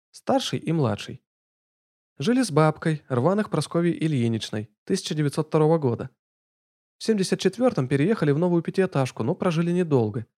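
A man putting on a sharp-tongued mocking young woman. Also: fairly high pitch, voice pushed up.

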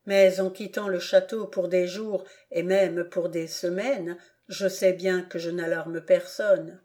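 A woman voicing a humiliated but dignified boy who answers his father softly in an audiobook. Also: lowish voice, fairly even intonation, takes it slowly. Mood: wounded dignity. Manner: soft, restrained replies.

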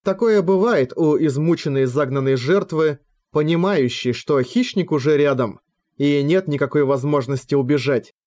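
A man narrating a fantasy novel as an audiobook in a measured storytelling manner, lightly voicing the dialogue. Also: fairly high pitch, darkish tone.

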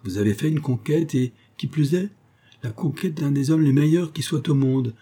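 A man reading an audiobook, voicing a cheerful young soldier of twenty-one who teases his cousin in a breezy, lively way. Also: a little high, normal speed, voice pushed up. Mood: teasing.

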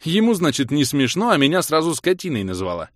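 A man's voice: sits high, lively intonation, unhurried, a bit bright, dry recording, studio quality, pitched above the performer's own voice. A man reading an audiobook, voicing an indignant young woman who protests shrilly.

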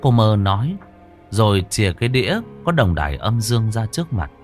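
A man narrating a ghost story in a slow, somber, dramatic reading. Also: on the low side, big pitch swings, soft background music.

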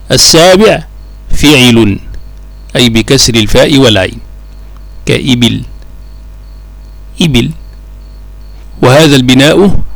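A man teaching a classical Arabic grammar lesson, slow and measured, drawing out each example word. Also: medium pitch, gravelly, no room sound.

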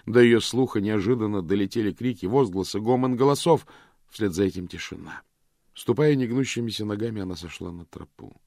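A man narrating a story in a measured, even reading. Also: lowish voice, dry recording, clean studio sound. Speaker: audiobook narrator. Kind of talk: scripted narration.

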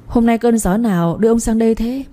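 A woman's voice: on the high side, dark tone, pitched above the performer's own voice, natural voice. A woman voicing a sly, spiteful young village thief who taunts his accuser. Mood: falsely friendly. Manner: taunting, fast and scornful.

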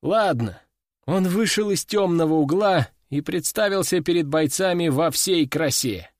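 Brief: male audiobook narrator, slightly high voice, dry close sound, wry delivery. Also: normal speed, no echo. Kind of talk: scripted fiction narration.

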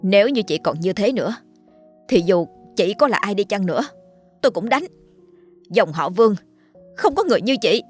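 A woman voicing a young second wife who speaks calmly but firmly and cuttingly. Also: medium pitch, moderate pace, pauses often, slightly rough, soft background music. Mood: defiant. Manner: calm but firm, cutting. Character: young, firm second wife, protective mother.

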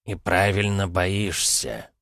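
A man's voice: low-pitched, animated, slow, a bit bright, dry recording, clean studio sound, full character voice. A man voicing an arrogant male falcon god who speaks down to others, in an audiobook. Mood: haughty. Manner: haughty, condescending.

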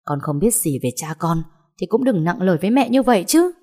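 A woman voicing a distraught, hot-tempered middle-aged mother who wails and shouts back, in a storybook reading. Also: fairly low pitch, very animated, a little fast. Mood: hurt. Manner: wailing and defiant.

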